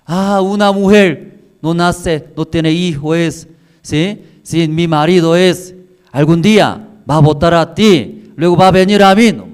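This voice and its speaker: A man's voice: fairly high pitch, measured pace, a little mellow, clear, resonant tone, voice pushed up, natural voice. A male preacher voicing a jealous rival wife who taunts a childless woman in broken, sneering questions. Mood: mocking.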